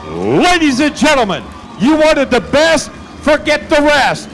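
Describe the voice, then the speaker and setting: A man hyping a race as event announcer, booming like a ringmaster and drawing out his words. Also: wildly swooping pitch, unhurried, a bit bright, low-quality recording. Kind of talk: hype introduction of a race.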